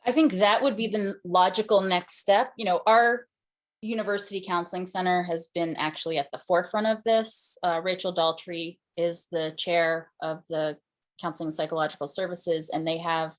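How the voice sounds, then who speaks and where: A woman with a slightly low voice answers questions after a talk, chatting in a loose, unscripted way. She circles back and restarts her sentences as she thinks aloud. She speaks over a video call. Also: steady tone, normal speed. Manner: conversational, with fillers and restarts. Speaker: presenter. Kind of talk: conference Q&A answer.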